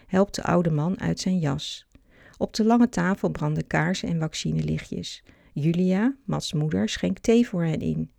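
A narrator calmly reading a children's story aloud. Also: medium pitch, gravelly, no echo, clean studio sound.

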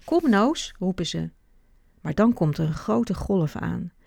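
Gravelly woman, mellow tone, calm read-aloud of a storybook, dry room. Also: on the low side, unhurried, dry recording. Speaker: narrator. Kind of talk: children's storybook reading.

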